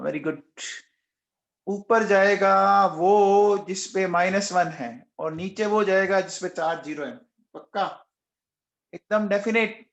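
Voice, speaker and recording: A man with a high, creaky voice gives a live online chemistry lecture, the audio dull and the room echoey. He coaxes and quizzes his students repeatedly, raising his voice for answers and saying he is shouting nonstop.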